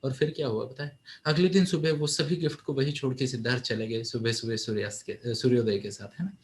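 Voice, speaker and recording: A man giving a motivational storytelling talk to an audience, animated and engaging, often turning to the audience with questions. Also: mid-range voice, brisk, a little hiss or hum. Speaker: motivational speaker and counselor.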